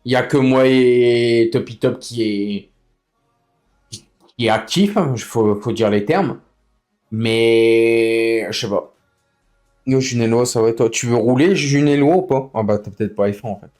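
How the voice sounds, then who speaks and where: A man's voice: medium pitch, unhurried, a little mellow. Fed-up man streaming, faint music behind. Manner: fed-up, complaining, repeats himself; slangy, informal. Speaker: livestreamer running an online racing league. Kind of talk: casual live stream chat with other players.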